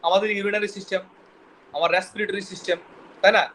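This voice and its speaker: A man lectures a biology class at a quick clip in a high voice, often quizzing his students and stumbling over technical words. Faint room ambience sits behind him. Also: flat delivery, a bit bright, slight background noise, rough recording. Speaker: biology teacher.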